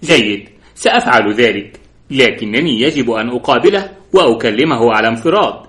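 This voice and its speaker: A man voicing a calm, confident middle-aged male detective who speaks politely and with quiet insistence. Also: mid-range voice, fairly quick, natural voice. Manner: polite, composed, gently insistent.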